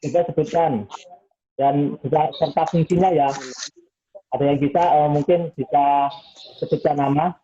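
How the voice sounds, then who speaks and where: A man's voice: fairly high pitch, steady tone, normal speed, pauses often, dark tone. A man teaching a class over a video call. His audio breaks up and cuts out, and he talks hesitantly with many fillers. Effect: choppy, breaking-up video call audio. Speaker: biology teacher. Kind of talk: online class lecture. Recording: tinny breaking-up call line.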